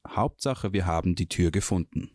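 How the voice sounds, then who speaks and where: A man voicing a big gruff male warrior, blunt and grumbling, in a curt manner for a fantasy audiobook. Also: deep voice, normal speed, a little mellow, dry recording, clean studio sound.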